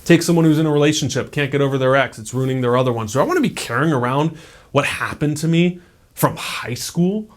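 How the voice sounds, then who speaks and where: In his thirties, this man speaks quickly and expressively in a fairly high voice. He's a self-improvement YouTuber delivering a relaxed, conversational motivational talk, sprinkling in "like" and "right?" throughout.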